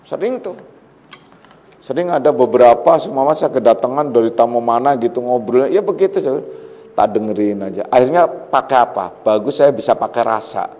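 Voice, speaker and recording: A middle-aged man giving a conversational religious lecture as a spiritual teacher, relaxed and joking, telling personal anecdotes. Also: medium pitch, normal speed. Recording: long reverb of a hall.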